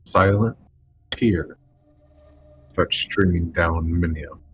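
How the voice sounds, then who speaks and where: A man running a tabletop game as game master, narrating slowly in halting bursts while his audio cuts in and out over a bad connection. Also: low voice, fairly even intonation, faint music behind, poor audio. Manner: halting, slow scene-setting with long pauses. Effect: bad connection, audio cutting in and out. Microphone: headset or desk mic on a voice call.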